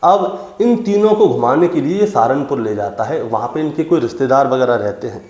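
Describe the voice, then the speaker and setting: A man's voice: mid-range voice, lively intonation, brisk, a little mellow, dull audio. A man narrating a true crime story to his audience, calling them friends and retelling it step by step. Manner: addresses listeners as friends, dramatic retelling. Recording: roomy echo.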